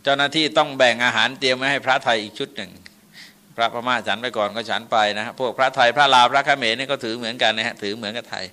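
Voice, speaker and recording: Older monk preacher, folksy dharma talk, bright tone, chants verses. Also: male voice, medium pitch, fairly even intonation, fast, clean tone. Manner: folksy, laughing asides, chanting Pali verses. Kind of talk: dharma sermon.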